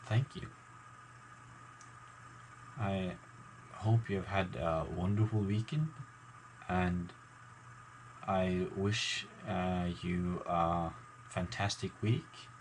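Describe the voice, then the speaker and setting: Very deep-voiced mumbling man. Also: steady tone, slight background noise, rough recording. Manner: halting, mumbling, many fillers and restarts. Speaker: gaming YouTuber. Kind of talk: casual talk to camera.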